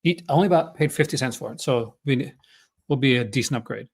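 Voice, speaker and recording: The host of a movie-collecting vlog, a Newfoundland native with a matching accent, talks quickly in a medium-pitched voice with a breathy edge. His unscripted chat is casual, folksy and enthusiastic.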